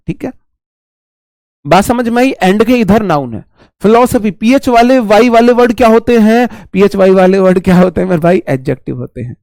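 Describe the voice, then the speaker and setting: A man's voice: a little high, a little mellow, no echo, clean studio sound. A young man teaching grammar in a live online class, chatty and teasing, mixing Hindi and as he reads student questions aloud.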